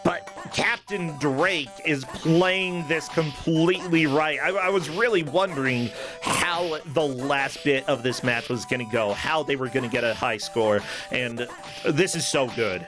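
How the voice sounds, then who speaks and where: A man with a fairly high voice delivers enthusiastic, conversational live commentary on a gaming tournament as an esports commentator, keeping a measured pace. Game music plays behind his voice.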